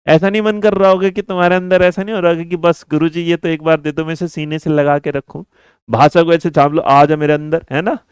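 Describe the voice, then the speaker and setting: Brief: a man as an upbeat online tutor, teasing, clear smooth voice, dry sound. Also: fairly high pitch, level tone, fairly quick, dry recording. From India. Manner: playful, teasing, addresses viewers as his children. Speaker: online exam-prep teacher. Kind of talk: live online class.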